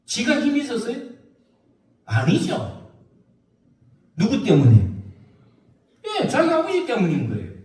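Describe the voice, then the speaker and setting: A male pastor preaching a sermon, his high voice rising and falling as he tells a story. He keeps asking rhetorical questions of the congregation. The sound is echoey, recorded from a distance in a church hall. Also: huge pitch swings, a little slow, pauses often, mellow.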